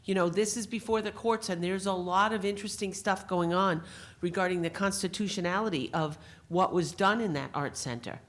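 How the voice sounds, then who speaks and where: A woman's voice: lowish voice, fairly quick. A woman giving an insistent, pointed public comment at a city board meeting. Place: city council meeting room.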